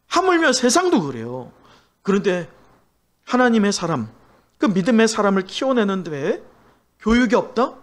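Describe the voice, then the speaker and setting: A middle-aged male pastor preaching a sermon, asking the congregation questions as he goes. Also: high voice.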